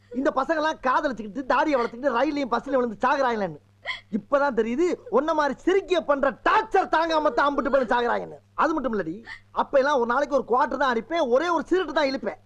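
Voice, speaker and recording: A very high-pitched comic voice of a boastful village drunk. He rambles through long, mock-serious rants about his own heartbreak and habits, swinging between bluster and self-pity. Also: fairly bright tone, muffled recording. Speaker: comic lead in a film comedy scene. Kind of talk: film comedy acting.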